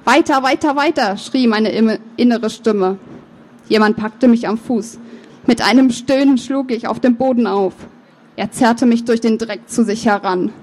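A woman author reading her novel aloud, with measured, expressive first-person narration and the odd slip of the tongue. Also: on the high side. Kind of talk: book reading.

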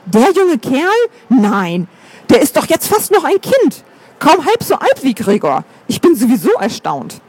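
A man's voice: high voice, lively intonation, brisk, a little mellow, breathy edge. A man voicing a prim, easily shocked woman in an audiobook. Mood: scandalized. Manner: scandalized, prim.

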